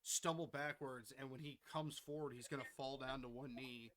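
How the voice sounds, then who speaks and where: A young man narrating as game master, excitable and loud at big rolls. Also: mid-range voice, normal speed, crowd noise.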